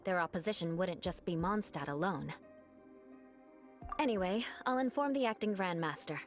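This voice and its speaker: An actress playing a proud, aloof young female knight who speaks in a cool, composed and dryly proud way, with soft game music behind. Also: on the low side, lively intonation, normal speed, lightly acted. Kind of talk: video game voice acting.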